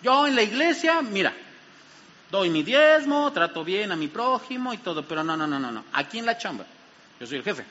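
A sly, tempting devil, put on by a man preaching, talks in a coaxing, dismissive way. The voice is high and bright. It carries a long echo and a dull, muffled sound. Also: sing-song, normal speed, full character voice. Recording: dull sound in an echoey hall.

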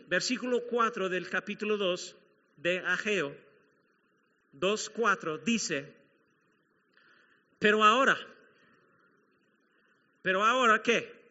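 Pastor, man, high sharp voice, emphatic preaching, dull recording with long hall reverb. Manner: emphatic, repeats key phrases, questions the congregation. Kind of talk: sermon.

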